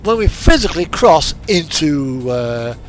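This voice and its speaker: Over music and engine noise, a man with a slightly high voice and big pitch swings narrates a truck simulator drive at a measured pace. The video game streamer's commentary is casual and rambling, full of musing and thinking aloud.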